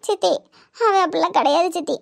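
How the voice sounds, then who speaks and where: A woman's voice: very high-pitched, fairly quick, gravelly, exaggerated voice. Woman voicing a timid pleading young niece. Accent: Tirunelveli Tamil. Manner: pleading, apologetic.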